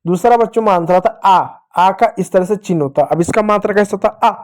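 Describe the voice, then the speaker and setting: Playful high-voiced male teacher. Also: a little fast, a little mellow. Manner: playful, repeats "pyare bachchon", acts out cries to teach sounds. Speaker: teacher of young children. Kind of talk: children's Hindi reading lesson.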